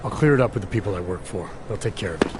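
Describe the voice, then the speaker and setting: An actor playing a terse, defiant agent in a video game, with a deadpan manner. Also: male voice, fairly low pitch, racing, lightly acted. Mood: curt, defiant. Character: terse, unyielding male agent with quiet defiance. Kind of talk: video game character dialogue. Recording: street noise and vehicles behind.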